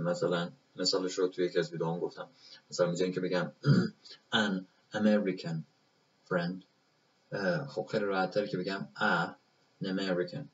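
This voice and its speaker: Man, English teacher, very low voice, dull lo-fi sound, patient halting explanations. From Iran. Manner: explains slowly, repeating examples with many fillers. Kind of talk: live Q&A lesson.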